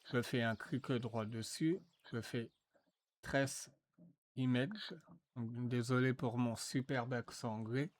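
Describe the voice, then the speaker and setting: A man walking viewers through a software tutorial, thinking aloud with frequent fillers and restarts. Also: medium pitch, steady tone, no echo. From France. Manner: slow, hesitant, thinking aloud with many fillers. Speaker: tutorial presenter. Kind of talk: screen-recorded software tutorial.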